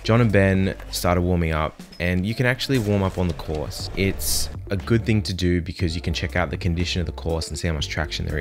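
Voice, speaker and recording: A man with a nasal voice, feeling under the weather, telling a chatty, self-deprecating story as a voice-over. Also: deep voice. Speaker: vlogger narrating his race. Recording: roomy sound with music underneath.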